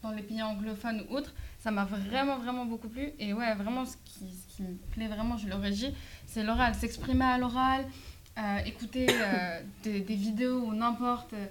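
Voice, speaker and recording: Here a teenage schoolgirl with a fairly high voice chats through her answers in a casual interview. She keeps circling back with fillers and restarts as she explains herself. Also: fairly even intonation, normal speed, slight background noise. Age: teens. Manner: chatty, many fillers and restarts.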